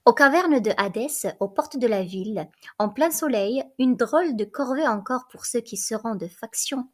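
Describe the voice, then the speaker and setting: A woman's voice: a little high, expressive, moderate pace. Woman reading a play aloud. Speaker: reader.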